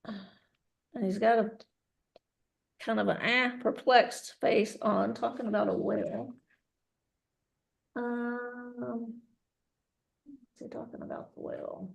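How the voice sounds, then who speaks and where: A woman working as a medium, relaying a spirit's messages in a halting way, often repeating words. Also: on the high side, steady tone, gravelly. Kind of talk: mediumship reading.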